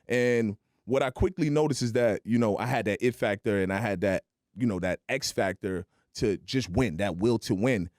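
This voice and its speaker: A man with a fairly low voice tells his climb in sales as a steady, motivational story on a podcast. He keeps punctuating points with a quick "right?". The sound is dry and close, with no room around it. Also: dry recording. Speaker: podcast guest.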